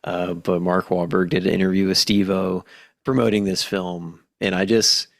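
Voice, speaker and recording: A man's voice: sits low, little pitch movement, normal speed, creaky, dry recording, clean studio sound. A man co-hosting a podcast, chatting casually about films in a rambling, self-correcting way. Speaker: podcast co-host. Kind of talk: casual film discussion.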